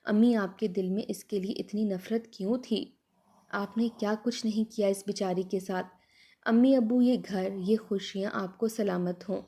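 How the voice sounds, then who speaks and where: A woman's voice: medium pitch, steady tone, normal speed, warm tone, close to an everyday voice. A woman voicing a grief-stricken young husband who pleads emotionally in a spoken love story. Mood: anguished.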